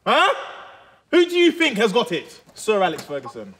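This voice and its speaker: A man's voice: high voice, wildly swooping pitch, normal speed, a bit bright, in a large hall. A man, cold and bantering in a playful, exclamatory way. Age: 20s. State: cold in an ice bath. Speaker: quiz contestant. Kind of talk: casual banter. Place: sitting in an ice bath in an industrial indoor studio.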